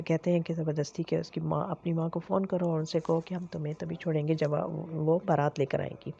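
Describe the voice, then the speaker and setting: A woman recapping a TV drama episode at an unhurried pace, with frequent hesitations. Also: deep voice, warm tone, slight background noise. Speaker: drama reviewer. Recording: dull lo-fi recording.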